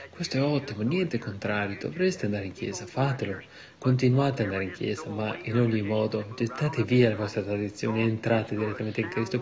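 A man preaching a fervent, impassioned sermon to a congregation. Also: on the low side.

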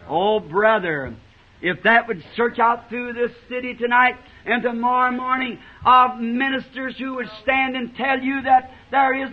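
High-voiced fervent preacher on old tape. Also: male voice. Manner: impassioned, cries out phrases, repeats lines for emphasis. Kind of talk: fervent revival sermon. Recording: dull lo-fi archival sermon recording.

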